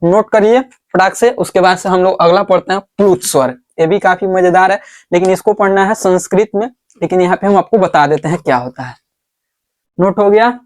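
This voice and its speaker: A man teaching a board lesson, asking the class questions and answering them himself, and repeating words slowly as he writes. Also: high-pitched.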